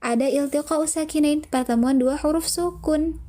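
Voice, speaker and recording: The instructor, a woman with a high-pitched, warm voice at normal speed, teaches Quran recitation online. She explains things patiently, step by step, and voices viewers' chat names and responses.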